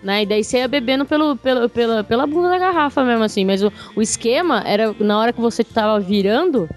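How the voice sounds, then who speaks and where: A woman's voice: fairly high pitch, animated, fast talker, faint music behind. A young woman chatting casually on a podcast, rambling and laughing easily. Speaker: podcast co-host. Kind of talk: casual chat.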